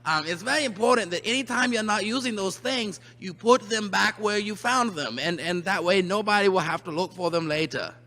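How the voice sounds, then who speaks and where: A man's voice: sits high, a little fast, few pauses, sharp tone. A man presenting to children in a comic rules announcement, mock-earnest, emphatic and repetitive. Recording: long hall reverb.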